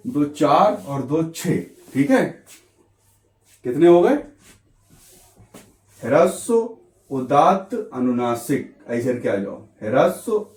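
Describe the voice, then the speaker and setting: A man's voice: fairly high pitch, a little mellow, reverberant. A man teaching a Sanskrit grammar lesson, explaining patiently and checking in often with his students. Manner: patient, repetitive, checks in with frequent "theek hai". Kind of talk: classroom lesson explaining at a board.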